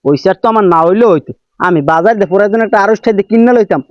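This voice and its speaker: An older man acts the part of a fussy, doting grandfather in a comedic village drama, scolding and fussing in a natural, high-pitched voice at a very fast clip. There's no room sound, though the lo-fi audio is dull and faint music plays.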